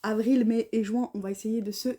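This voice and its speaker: A woman's voice: a little high, steady tone, a little fast, warm tone. A woman chatting casually about books, reading blurbs aloud and tripping over names. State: tired. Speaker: book vlogger. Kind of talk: casual chat.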